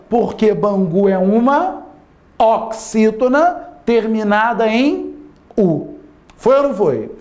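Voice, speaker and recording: A man's voice: high voice, a little mellow. A man teaching a Portuguese grammar lesson, constantly asking his listeners rhetorical yes-or-no questions and stretching out key words for emphasis.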